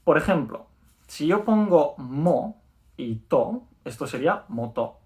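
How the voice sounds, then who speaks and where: A man's voice: fairly high pitch, animated, darkish tone. Upbeat Spanish man teaching a lesson. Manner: explanatory, repeats words slowly and checks in with "¿vale?". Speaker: language teacher. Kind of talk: video lesson.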